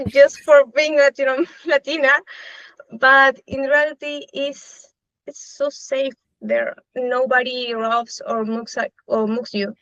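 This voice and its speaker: Higher-voiced young Chilean woman, dry lo-fi. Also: a bit bright, dry recording. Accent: Chilean Spanish. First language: Spanish. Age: young adult. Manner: thoughtful, with frequent "eh" fillers. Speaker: interviewee, law student. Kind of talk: casual interview answers. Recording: dry, slightly dull lo-fi recording.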